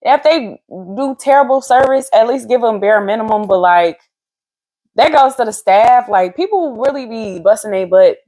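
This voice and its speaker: A woman co-hosting a podcast, chatting casually in a playful, animated way and stretching words out for effect. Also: fairly high pitch, normal speed. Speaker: podcast co-host. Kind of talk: casual chat.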